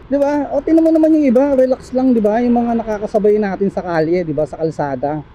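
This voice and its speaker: A man's voice: high-pitched, fast, highs cut off, a little hiss or hum. A man from the Philippines, a delivery rider vlogging casually to his viewers while out on the streets, laughing often, apologizing with a joke, and tagging his sentences with little questions. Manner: chatty, laughs often, keeps adding tag questions; apologetic, joking asides.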